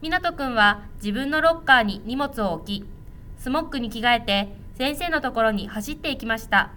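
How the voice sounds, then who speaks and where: A woman reads a storybook aloud to young children, gentle and clear. Her voice is high and bright. A faint background noise sits under it. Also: lively intonation, normal speed.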